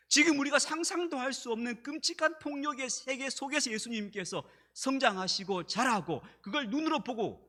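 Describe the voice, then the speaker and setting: A man preaching a sermon as pastor, animated and acting out the speech he quotes. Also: high voice, breathy edge.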